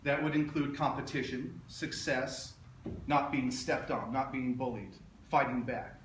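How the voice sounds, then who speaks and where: A man giving a funeral eulogy as a public speech, in a tender, measured, halting way with pauses. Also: medium pitch, steady tone, a bit bright. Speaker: eulogist speaking at his mother's funeral. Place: echoey room, speaking to a gathering. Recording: roomy echo, distant mic, faint noise.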